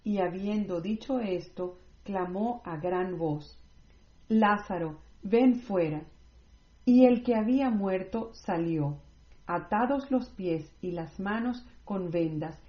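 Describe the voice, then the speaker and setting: A woman reading scripture aloud in a measured, scripted way, with no commentary. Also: mid-range voice. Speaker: Bible reader. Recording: roomy, slightly dull recording.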